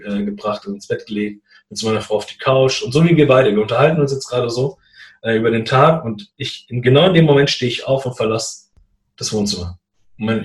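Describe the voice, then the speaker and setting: A man in a casual conversation, telling a personal story in a lively way and acting out what people said. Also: mid-range voice, echoey room. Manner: animated, acts out quoted dialogue. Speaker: guest telling his story.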